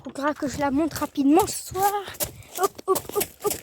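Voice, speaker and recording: A teenage girl talks to her phone in a casual, rambling way, often trailing off and restarting her sentences. Her voice sits high. She records outdoors beside her chicken coop, with faint noise behind her. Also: moderate pace. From northern France. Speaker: vlogger. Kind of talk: casual vlog.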